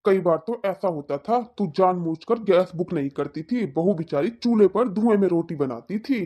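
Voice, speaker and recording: A woman's voice: lowish voice, animated, moderate pace, warm tone. A woman voicing a meek older husband and father-in-law in a cartoon, mild and reproachful.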